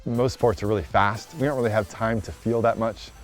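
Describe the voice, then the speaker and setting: Casting: male climbing guide, lowish voice, casual and encouraging instruction, recorded outdoors over a music bed. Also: steady tone, a little fast. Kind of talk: casual interview talk and on-location instruction. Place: outdoors on wooded trail and cliffs.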